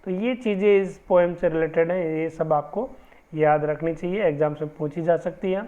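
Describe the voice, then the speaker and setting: A man giving an exam-prep literature lesson, explaining step by step and reading English definitions slowly. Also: on the high side. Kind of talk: exam-prep lecture in Hindi mixed with English. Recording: tinny phone-like lo-fi audio.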